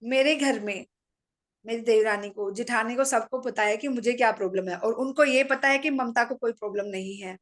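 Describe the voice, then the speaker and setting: A middle-aged woman with a slightly high voice gives a personal testimony to an audience. She stays calm and matter-of-fact, slipping into her own remembered lines of dialogue as she goes. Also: moderate pace. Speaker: meditation practitioner sharing her story.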